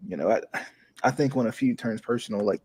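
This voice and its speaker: A man's voice: on the low side, fast, a little mellow, breathy edge. A man hosting a wrestling podcast, moving the chat along to the next topic and prompting the others. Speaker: podcast host moderating topics. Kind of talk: casual wrestling review chat.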